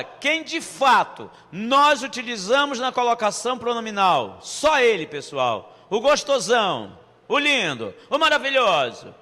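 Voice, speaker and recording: Brazilian male teacher, bright high voice, slow and playful, reverberant room. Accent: Brazilian Portuguese. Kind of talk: online exam-prep grammar lesson.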